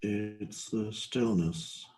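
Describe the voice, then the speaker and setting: An older man giving a guided meditation talk as a spiritual teacher, slow and hesitant, with long pauses between phrases. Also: lowish voice, steady tone, a little mellow, poor audio.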